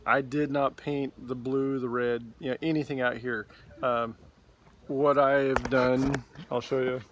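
A man in his forties vlogging outdoors in a boatyard, talking into a phone held at arm's length in a relaxed, rambling way. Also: medium pitch, measured pace, slight background noise. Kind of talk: casual video diary. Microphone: phone camera at arm's length.

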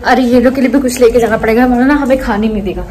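A woman's voice: on the high side, steady tone, fast talker, darkish tone, poor audio. Chatty young woman vlogger. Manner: chatty, repeats words, laughs often. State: tired at the end. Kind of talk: casual vlog chat.

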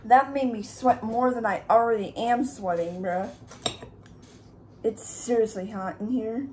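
A woman's voice: on the high side, unhurried, darkish tone, a little hiss or hum. A young woman in a casual mukbang vlog, chatting and rambling to her viewers while she makes chocolate milk and cuts pizza at home. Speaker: YouTuber. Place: room at home. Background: faint TV in the background.

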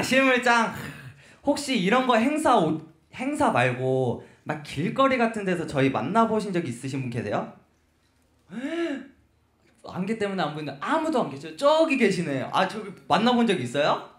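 A man hosting a fan talk show on stage, telling playful stories and teasing the crowd. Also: high voice. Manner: playful, animated storyteller who teases the crowd. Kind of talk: live stage talk with the audience. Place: concert hall stage before about 300 fans. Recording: echoey concert hall, faint noise.

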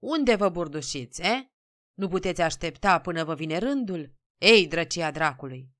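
A woman voicing a gruff, burly male policeman barking at a crowd. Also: lowish voice, expressive, fairly bright tone.

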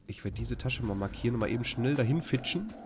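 A man's voice: medium pitch, lively intonation, quick pace, background noise. A man with a German accent giving casual, rambling commentary while playing a video game, often exclaiming at what he sees. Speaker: let's play commentator.

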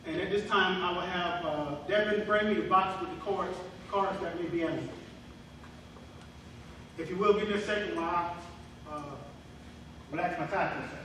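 Man, middle-aged, town hall host, halting, echoey hall, faint noise. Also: high voice, a bit bright, recorded from a distance. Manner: halting, many fillers, speaks into a handheld mic. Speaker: county commissioner hosting a town hall. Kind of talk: public address at a town hall meeting. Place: large community hall, indoors. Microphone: handheld mic in a big room, heard from afar.

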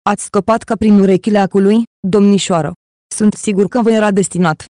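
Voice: medium pitch, fairly even intonation, mellow, no echo, studio quality, natural voice. A reader voicing an earnest local policeman in an audiobook, giving warnings. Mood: urgent.

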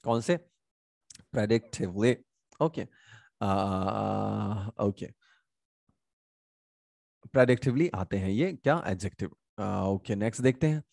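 A man with an Indian English accent teaches grammar in Hindi, asking questions and answering them himself. His voice has a gravelly, fry-tinged edge. It is recorded close and dry, with no room sound. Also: on the low side, slow pace, long pauses, a little mellow, dry recording. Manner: many hesitation sounds and restarts. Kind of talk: online grammar lesson.

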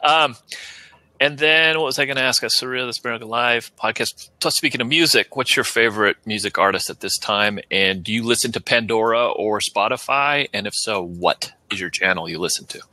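A man hosting a podcast, asking questions in a playful, casual way with quick interjections. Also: mid-range voice, sharp tone, no echo. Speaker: podcast host.

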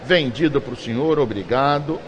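A man working as an auctioneer, repeating bids in a rapid rhythmic chant. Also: medium pitch, slight background noise, poor audio. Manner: rapid repetitive bid calling.

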